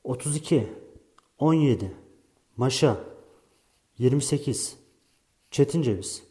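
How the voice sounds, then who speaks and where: A man voicing a bossy older boy who loudly calls out bingo numbers in a storybook reading. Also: mid-range voice, lively intonation, unhurried, close to an everyday voice. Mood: calling out. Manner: loud, calling out.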